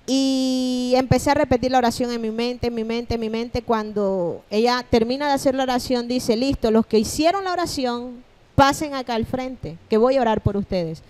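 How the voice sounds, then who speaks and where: A woman's voice: a little high, clear, resonant tone. A woman pastor giving her personal testimony as a podcast guest, telling it animatedly and acting out the things people said to her. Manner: animated storytelling, acting out remembered dialogue.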